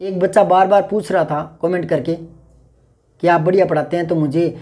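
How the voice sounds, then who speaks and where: A man teaching a grammar lesson in a chatty way, explaining slowly and going over each example again and again. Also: sits high, steady tone, darkish tone.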